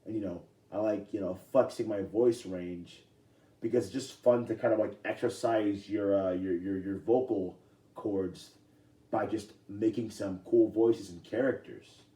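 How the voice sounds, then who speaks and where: A young man vlogging in a casual, rambling way, halting often with fillers and restarts. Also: fairly low pitch, steady tone, dark tone. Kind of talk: casual talk to camera. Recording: echoey room, distant from mic.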